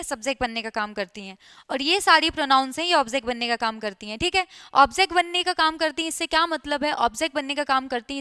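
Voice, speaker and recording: A woman's voice: sits high, sharp tone. A woman teacher giving an exam-prep lecture, repeating key points and often checking in with her students. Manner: repetitive, checks in with listeners.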